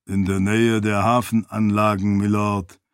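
A man's voice: on the low side, level tone, a little slow, smooth, no room sound, clean studio sound, natural voice. A man voicing a fearful, deferential floating spirit servant in an audiobook. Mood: anxious.

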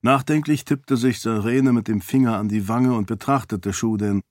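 A man narrates a fantasy audiobook close to the mic, in a measured, even storytelling manner. His voice is medium-pitched, and there is no echo.

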